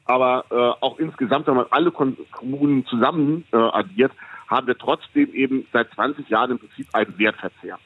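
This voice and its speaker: A man, an economist guest, giving measured, explanatory interview answers with frequent hesitations. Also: medium pitch, no room sound. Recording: tinny phone line, dry.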